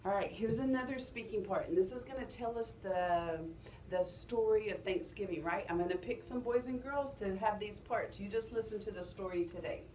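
A woman's voice: medium pitch, normal speed, a little mellow, recorded from a distance, slight background noise. A woman teaching first graders, reading the program lines aloud in a sing-song voice that goes up and down. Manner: reads aloud with a rising and falling sing-song. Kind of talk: rehearsing a class program. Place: school classroom. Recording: roomy classroom taped from afar.

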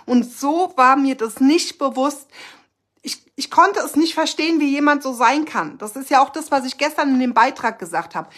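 High-voiced earnest woman talking to viewers. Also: expressive, normal speed, fairly bright tone. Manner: earnest, heartfelt, with frequent fillers and self-corrections. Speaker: speaker sharing her own experience of abusive relationships. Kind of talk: casual live talk addressing viewers.

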